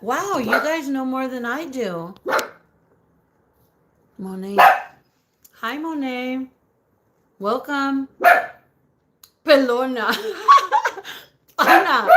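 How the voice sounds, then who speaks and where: A woman hosting a live stream chats casually while reading viewer comments, greeting people by name, giggling often and mixing Spanish words into her speech. Her voice is raspy, high-pitched, and a bit bright.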